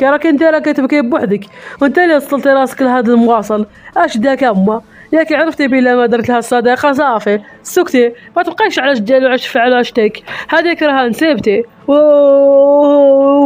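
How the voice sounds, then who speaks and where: A man playing a defiant grown son who firmly lectures his nagging mother in a comedy sketch. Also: very high voice. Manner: firm, lecturing, defensive.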